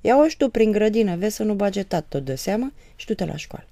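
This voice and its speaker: A woman's voice: medium pitch, expressive, no room sound, voice pushed up, natural voice. A woman doing Catrina, a scornful peasant mother. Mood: indignant. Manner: sharp, scornful. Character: quick-tempered peasant mother, defiant.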